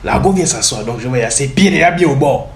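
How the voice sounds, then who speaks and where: Animated man telling stories. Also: mid-range voice, fast talker, a little hiss or hum. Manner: animated, laughing often, acting out quotes. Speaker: storyteller. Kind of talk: casual storytelling vlog.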